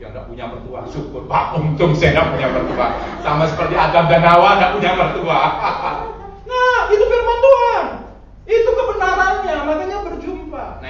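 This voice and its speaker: A male pastor preaches in a high, lively voice and keeps teasing and questioning his congregation. He sounds far from a dull microphone in a very echoey church hall, with faint background noise. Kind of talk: Pentecostal sermon.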